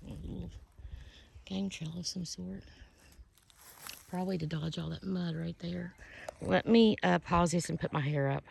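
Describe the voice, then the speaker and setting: A woman talks casually to her viewers as she walks outdoors. Her voice has a creaky, gravelly edge, and her delivery is folksy and halting. There is faint noise on the outdoor recording. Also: lowish voice, darkish tone. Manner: folksy, rambling, halting while walking. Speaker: vlogger and outdoor guide. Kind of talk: casual outdoor walking vlog, talking to viewers. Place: outdoors on a rural field and hollow trail.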